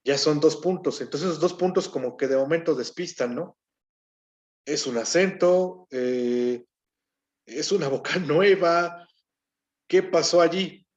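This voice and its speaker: A man's voice: a little high, a little slow, a little mellow, muffled recording. A man teaching a grammar lesson, explaining step by step and often checking in with his listeners. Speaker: Hebrew teacher.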